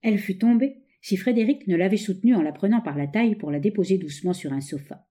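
A woman narrating a novel as an audiobook, with expressive, dramatic storytelling. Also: medium pitch, quick pace.

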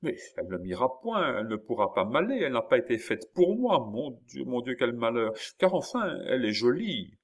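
A man voicing an excitable, despairing noblewoman, a countess, in a dramatic, exclamatory way. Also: medium pitch, measured pace, pitched above the performer's own voice. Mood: distraught.

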